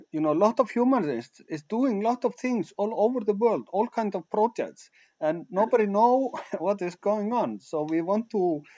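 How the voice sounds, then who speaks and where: A man from Iceland, hosting an online meeting over a video call and talking haltingly as he searches for his words. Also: high-pitched, dark tone. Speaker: meeting host. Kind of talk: casual online meeting talk. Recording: muffled video-call audio.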